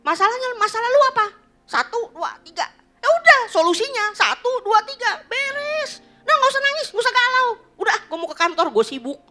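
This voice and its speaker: A woman acting out a brusque, busy parent who rattles off quick solutions dismissively. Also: very high voice, very animated, bright, forceful tone, pitched above the performer's own voice, heavily acted. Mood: impatient.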